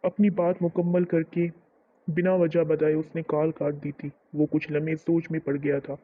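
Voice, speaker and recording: A man who hosts a novel-reading channel, narrating a romance novel in a calm, steady way. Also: a little high, normal speed, slightly rough. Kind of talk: storytelling narration. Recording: muffled lo-fi recording.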